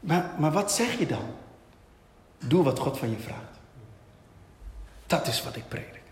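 A man preaching a sermon, asking and answering his own questions in a lively way. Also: on the high side, measured pace. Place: church hall. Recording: echoey hall, long reverb.

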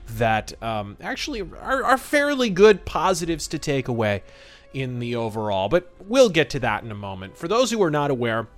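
With faint music behind him, a male podcast host delivers semi-scripted commentary in an emphatic, theatrical style full of florid wording. His mid-range voice is very animated and moves at a moderate pace.

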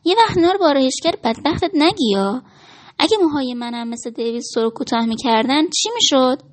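A woman's voice: high-pitched, lively intonation. A woman reading a teasing female friend.

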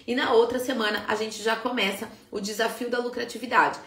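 Animated woman coaching in a live stream. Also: a little high, a little fast, reverberant. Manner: animated, emphatic, frequent "né?" tags. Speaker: business coach for party decorators. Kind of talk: live-stream business talk.

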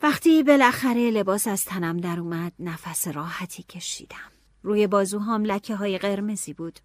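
Reading a novel aloud, a mid-range female narrator swings between hushed whispers and anxious cries with expressive audiobook flair. The recording is dry and of studio quality.

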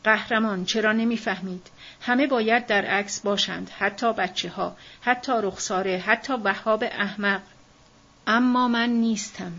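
Woman reading a bossy matriarch, emphatic, kinda louder, muffled lo-fi audio. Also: mid-range voice. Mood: insistent. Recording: dull lo-fi recording.

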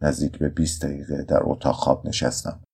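A man reading a story aloud in a somber, measured first-person narration. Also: very deep voice, little pitch movement, gravelly, darkish tone, breathy edge. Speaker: audiobook narrator.

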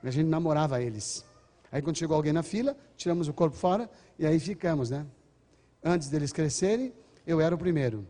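An older man gives an earnest parenting lecture to a big crowd, now and then acting out what parents and children say to each other. His voice sits a bit high but sounds mellow and dark. A long reverb trails after his words in the hall. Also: lively intonation, brisk. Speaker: speaker on parenting. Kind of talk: lecture to a large audience.

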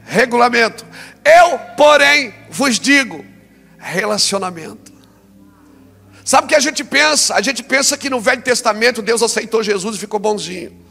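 A man preaching a sermon, swinging between loud exclamations and quiet, low passages. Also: normal speed, creaky, in a large hall.

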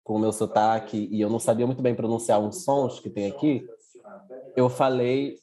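A man chatting as a podcast guest, his voice dark and mellow. He tells anecdotes at an easy, conversational pace and grows animated when retelling them. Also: mid-range voice, moderate pace. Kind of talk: casual podcast chat.

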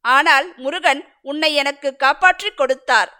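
A woman's voice: high-pitched, normal speed, sharp tone. A woman doing a plaintive devoted village wife. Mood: earnest. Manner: plaintive, lamenting.

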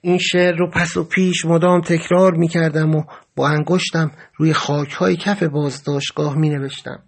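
A man's voice: a little high, little pitch movement, gravelly. A man narrating a first-person dramatic story in a vivid, emotional telling. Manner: dramatic, rising to agitated outbursts in quoted speech.

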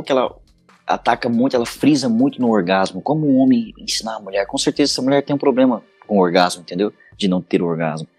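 Husky, animated Brazilian man storyteller. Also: lowish voice. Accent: Brazilian Portuguese. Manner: animated storyteller acting out scenes. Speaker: podcast guest, intimate audio creator. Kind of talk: casual podcast conversation.

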